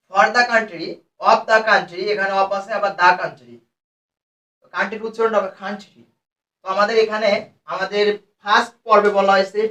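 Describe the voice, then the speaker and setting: A Bangladeshi man teaching English grammar in a high voice. He explains each rule step by step and reads the example phrases out slowly. He is recorded from a distance in an echoey room. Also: fairly bright tone, highs cut off. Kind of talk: grammar lesson.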